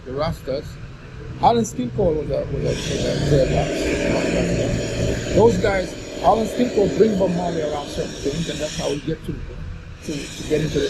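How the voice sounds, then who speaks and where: Jamaican man, Rasta-style speech, fairly high voice, casual storytelling, repeated phrases, loud vehicle-like rumble behind. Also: gravelly. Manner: emphatic repetition of phrases. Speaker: storyteller explaining reggae history.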